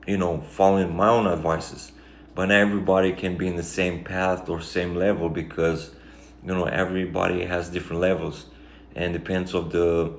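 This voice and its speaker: A man from Romania with a Romanian accent, talking through a reflective, rambling life update full of fillers. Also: deep voice. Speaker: vlogger. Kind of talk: casual life-update monologue. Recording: echoey room, faint background noise.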